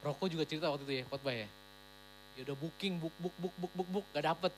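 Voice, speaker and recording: A woman pastor giving a sermon at a church service in a lively, emphatic way, slipping English phrases into her talk. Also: low voice, quick pace, a little hiss or hum, poor audio.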